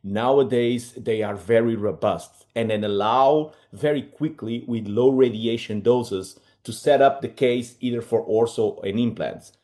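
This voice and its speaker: Relaxed dentist presenting. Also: male voice, medium pitch. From Portugal. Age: middle-aged. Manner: relaxed, many fillers, slightly non-native phrasing. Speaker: implant dentist, webinar co-host. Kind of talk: casual presentation.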